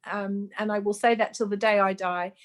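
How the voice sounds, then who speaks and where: Chatty and earnest, this Swedish-born woman raised in Australia is in her fifties and fills her answers with ums while guesting in a relaxed interview. She works as a makeup artist and talks at a normal speed in a level, mid-range voice.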